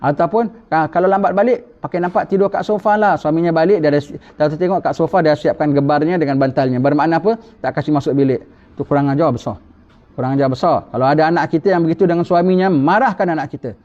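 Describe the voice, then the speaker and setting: Male religious teacher, emphatic lecture delivery, fairly high voice, muffled lo-fi audio. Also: fast, darkish tone. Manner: emphatic, rhetorical questions. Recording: dull lo-fi recording.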